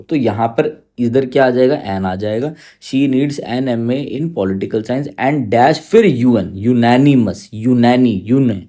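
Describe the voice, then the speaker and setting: A man gives an exam-prep grammar lesson in a warm, dark-toned voice. He explains patiently, step by step, repeating short check-ins as he goes. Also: mid-range voice. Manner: repeats "thik hai" constantly, explaining step by step. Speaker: teacher.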